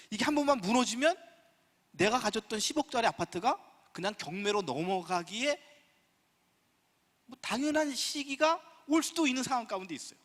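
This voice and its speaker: A man's voice: sits high, a bit bright, long reverb tail. A middle-aged man giving a church seminar talk, telling humorous personal stories and acting out dialogue with God. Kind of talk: humorous preaching-style lecture with personal stories. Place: church sanctuary.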